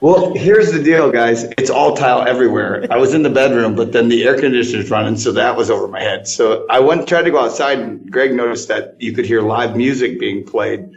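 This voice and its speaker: A man co-hosts a casual podcast, spinning stories with an animated, chuckling delivery. His sound is slightly muffled and lo-fi, recorded in a tiled bathroom. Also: mid-range voice, brisk, few pauses. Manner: storytelling, animated, laughs while talking. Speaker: podcast co-host. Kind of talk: casual chat.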